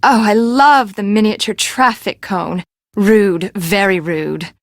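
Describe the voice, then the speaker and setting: In a video game, an actress voices an imperious, eccentric fashion designer with haughty, dramatic, emphatic delivery that sounds delighted and affected. Her female voice sits in the mid range and she takes it slowly, in a studio-quality recording with no echo.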